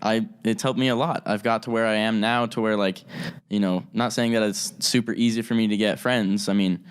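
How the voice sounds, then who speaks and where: A young man with a lowish, smooth voice, co-hosting a podcast. He talks in a relaxed way, with lots of casual fillers. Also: a little fast. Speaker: co-host.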